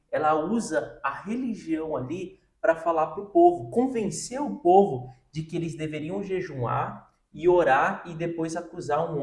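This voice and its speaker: A man's voice: fairly high pitch, reverberant. A man explaining a Bible reading in a casual, conversational way, full of fillers. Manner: conversational, many fillers like né and tipo assim. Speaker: co-host of a Bible reading podcast.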